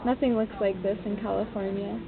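A woman's voice: medium pitch, fairly even intonation, brisk. A woman in her thirties from New Jersey, making friendly, slightly hesitant small talk with a stranger and laughing often. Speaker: traveler chatting with a stranger. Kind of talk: casual chat. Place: commuter train carriage. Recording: tinny, lo-fi train audio with crowd.

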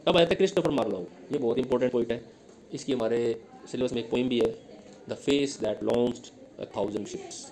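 A man's voice: medium pitch, very animated, warm tone, low-quality recording. Indian man teaching exam prep. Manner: explains in Hindi, reads English lines slowly; asks questions then answers them himself.

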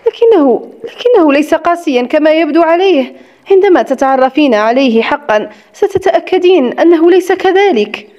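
A gentle, loyal young woman, played by a woman reading an audiobook speaks in a soft, soothing way. Her voice sits high. The recording sounds slightly dull and lo-fi. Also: animated, moderate pace. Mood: coaxing.

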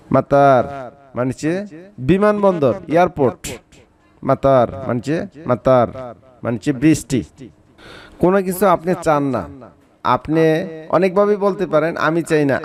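A man giving a vocabulary lesson, saying each word slowly and repeating it before giving its meaning. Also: fairly high pitch. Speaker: Arabic language teacher.

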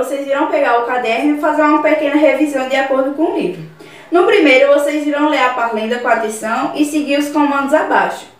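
A high-pitched woman with a Brazilian Portuguese accent, a primary school teacher, gives a recorded class to children, explaining slowly and repeating words syllable by syllable. The room is very echoey and her voice sounds far off.

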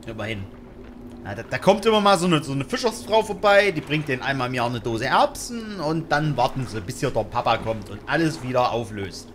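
Lively slangy young man gaming. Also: mid-range voice, fairly quick, slight background noise. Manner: chatty, slangy, reacts loudly and jokes. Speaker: gaming YouTuber. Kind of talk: casual let's-play commentary.

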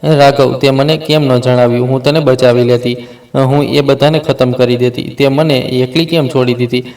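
Male narrator voicing a fierce young policewoman in grief, urgent pleading questions, flat read. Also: medium pitch, normal speed, natural voice, rough recording. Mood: anguished. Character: grieving young woman police officer, fierce.

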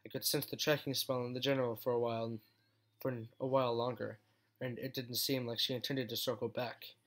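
A man reading a fan story aloud as steady first-person narration, with occasional slips. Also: medium pitch, fairly quick. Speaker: fan fiction reader.

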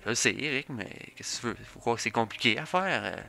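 Brief: young Quebec guy narrating a sports game, easygoing and dry, bright clear tone. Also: mid-range voice, expressive, fast talker, faint music behind. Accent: Quebec French. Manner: laid-back, chatty, dry. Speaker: gaming YouTuber. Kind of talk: casual game commentary.

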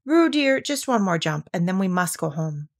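A woman's voice: lowish voice, very animated, normal speed. A motherly kangaroo from a storybook as a woman voices her. She is fond and fussy, polite but only half paying attention. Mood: fond, fussing.

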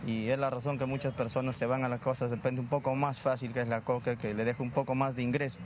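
Hesitant young farmer, street noise. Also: male voice, medium pitch, level tone, quick pace. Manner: plain, hesitant, many "este" fillers. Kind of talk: live news interview. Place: outdoor plaza stand, in the city. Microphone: reporter's handheld mic.

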